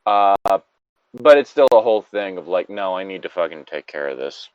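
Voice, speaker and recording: A podcast co-host reads a story aloud with commentary in a deep, smooth, animated voice at normal speed. The audio is dull with no echo, and he chats casually, swearing freely and rambling into digressions.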